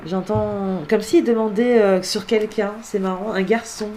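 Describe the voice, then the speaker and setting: A woman's voice: medium pitch, fairly even intonation, measured pace, warm tone, a little hiss or hum. A woman working as a medium, chatting casually as she replays recordings, repeats the words she hears aloud and speaks directly to the departed. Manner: musing, repeats heard words aloud and addresses the spirit directly. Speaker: medium doing spirit-contact sessions. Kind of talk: casual commentary during a recording session.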